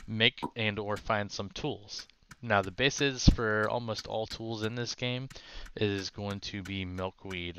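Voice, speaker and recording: A man casually narrating a game tutorial, explaining step by step with filler uhs and quick self-corrections. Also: fairly low pitch, bright, forceful tone.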